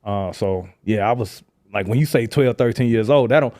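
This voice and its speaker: A man's voice: mid-range voice, normal speed, dark tone, no echo, clean studio sound. A man talking earnestly about his past as a podcast guest, with frequent fillers. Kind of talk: casual conversation.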